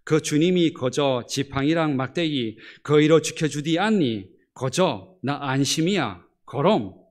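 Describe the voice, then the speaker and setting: A pastor doing an emphatic Pyongan psalm reader. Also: male voice, fairly high pitch, animated, measured pace. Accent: Pyongan dialect. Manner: emphatic rhetorical questions. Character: folksy northern Pyongan man reciting a psalm.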